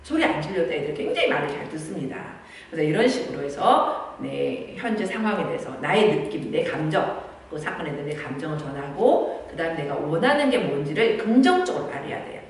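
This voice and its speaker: A woman teaching parents how to talk with their children, explaining gently and acting out short dialogues. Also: sits low, sing-song, brisk. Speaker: parenting instructor. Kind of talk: lecture with acted-out dialogue examples. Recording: echoey room from far off with faint noise.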